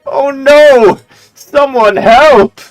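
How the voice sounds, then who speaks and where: A man voicing a cowardly, fussy male merchant who pleads in a shrill voice. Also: very animated, measured pace, a bit bright, soft background music, heavily acted, poor audio. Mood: panicked.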